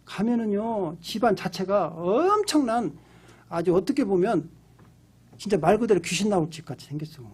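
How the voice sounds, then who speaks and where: Korean pastor, male, sermon delivery, animated swinging pitch, husky edge, acts out voices in stories. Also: moderate pace. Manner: emphatic storytelling, acts out pleading voices.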